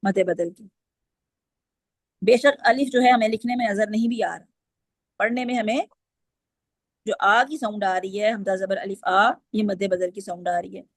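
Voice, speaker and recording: A woman's voice: medium pitch, normal speed, long pauses, no room sound. A woman teaching Quranic recitation rules, explaining step by step and quizzing her students. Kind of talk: online class lesson.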